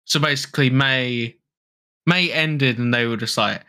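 A young British man from Britain co-hosting a casual history podcast, joking around and reading out facts a little haltingly. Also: mid-range voice, bright, forceful tone, smooth. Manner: jokey, laughs often, reads facts haltingly. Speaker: co-host.

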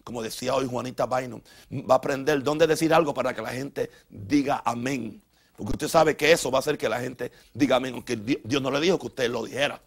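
A man's voice: medium pitch, fairly quick. Male pastor, middle voice, conversational sermon with lots of restarts. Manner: conversational, with frequent stammered repeats and fillers. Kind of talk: teaching sermon.

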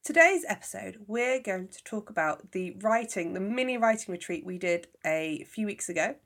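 A woman's voice: mid-range voice, lively intonation, moderate pace, fairly bright tone. A woman co-hosting a podcast in casual chat, talking in a bubbly way while getting over a cough and a cold. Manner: chatty, bubbly, says "like" often. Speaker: podcast co-host.

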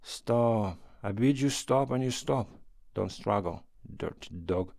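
A man's voice: on the low side, expressive, slow, gravelly, darkish tone, dry recording, clean studio sound, full character voice. A man reading the part of a sly, menacing thief who poses as a pilgrim, mocking and threatening in turn.

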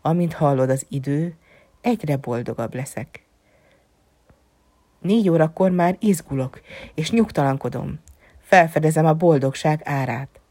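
A woman's voice: low voice, pauses often, dry recording. Woman voicing a wistful whispering fox. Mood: musing. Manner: soft, musing, often dropping to a whisper. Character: gentle wistful male fox, lonely and wise. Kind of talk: storybook reading.

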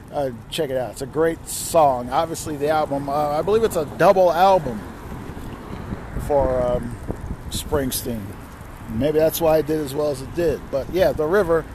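A man's voice: medium pitch, darkish tone, a little hiss or hum. A man hosting a music top ten countdown in a casual, rambling way, with frequent asides. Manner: chatty, rambling, self-interrupting asides. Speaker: music countdown show host.

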